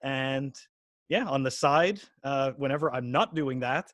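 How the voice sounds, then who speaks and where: A man in his forties from Quebec, chatting as a podcast guest. He rambles with lots of restarts and "you know"s. His voice sits at an ordinary middle pitch, recorded dry and close. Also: measured pace, a bit bright, no room sound. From Quebec, Canada. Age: 40s. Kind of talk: casual interview chat.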